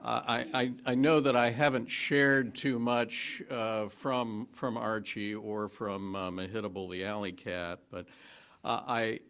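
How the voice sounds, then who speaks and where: A man introducing a reading to a congregation, halting at first, then telling the backstory with dry, wry humor. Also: lowish voice, steady tone, a bit bright, clean tone. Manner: hesitant start, then wry storytelling. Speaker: lay speaker at a worship service.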